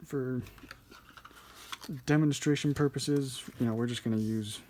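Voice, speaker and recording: Male tutorial host, soft-edged mellow tone, mid-range pitch, informal and thinking aloud. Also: fairly even intonation, measured pace, slight background noise. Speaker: card trick instructor. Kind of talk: casual hands-on tutorial.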